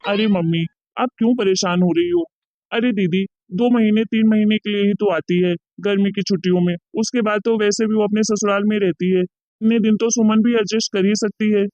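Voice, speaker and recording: A woman voicing a calm young adult son in a Hindi cartoon who talks in a soft, reasonable way. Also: medium pitch, brisk, no echo, lo-fi sound, natural voice. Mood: reasoning.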